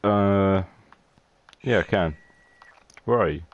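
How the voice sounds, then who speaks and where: A man's voice: low voice, slow, lo-fi sound. A young man leading a friend through an online game in a laid-back way. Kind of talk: casual chat while gaming.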